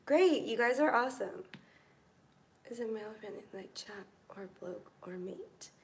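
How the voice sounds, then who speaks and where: A woman's voice: a little high, expressive, measured pace, gravelly. A young American woman teaching English in a live online class, patient and encouraging, reading out students' comments. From United States.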